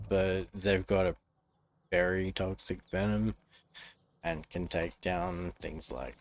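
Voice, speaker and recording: A man's voice: low-pitched, a little mellow, slight background noise. A man chatting casually and telling stories as a streamer, blunt and sweary in slangy language. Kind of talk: casual chat, storytelling to stream viewers.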